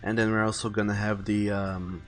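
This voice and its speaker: A live streamer illustrating a visual novel chats casually over background music, rambling and rephrasing as he thinks through his artwork plans aloud. His voice is on the low side, with a flat delivery at normal speed.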